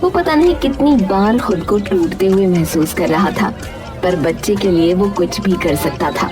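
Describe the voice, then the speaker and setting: A woman's voice: mid-range voice, expressive, normal speed, music in the background. A woman reading scripted narration for a moral story.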